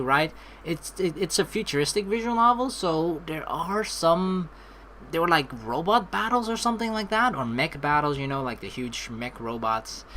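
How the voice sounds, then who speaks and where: With a fairly high pitch and a bright, forceful delivery, a man hosts a video game playthrough, joking and rambling while reading on-screen text aloud. He swears now and then; background music plays under slight noise.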